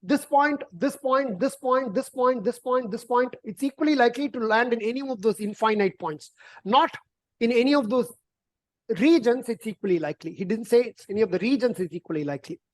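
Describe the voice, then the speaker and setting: The math teacher here speaks a little high and a little fast. She explains an online algebra lesson in a conversational way, repeating words and often closing sentences with "right?".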